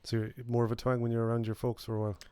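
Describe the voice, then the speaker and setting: A man's voice: medium pitch, completely flat delivery, racing, warm tone, clean tone, dry recording. A man with a west of Ireland accent from County Mayo, chatting casually as a podcast host. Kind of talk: casual chat.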